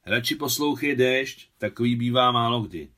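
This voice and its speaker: A man reading out a gruff but caring aging war veteran who talks in short, terse lines. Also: mid-range voice, pushed and bright, pitched above the performer's own voice, natural voice.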